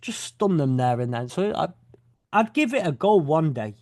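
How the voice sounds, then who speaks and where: A man's voice: on the high side, big pitch swings, normal speed, a little mellow, dry recording, studio quality. A man from the UK hosting a podcast in casual chat, rambling and joking as he talks. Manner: rambling, jokey, self-correcting. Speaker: podcast host.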